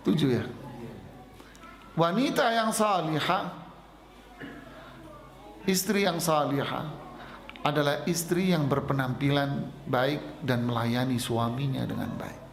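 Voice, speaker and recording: Gravelly-voiced preacher in echoey mosque. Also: male voice, on the high side, slow pace, pauses often, slight background noise. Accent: Indonesian. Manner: lively storytelling, acting out both sides of dialogues. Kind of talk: sermon.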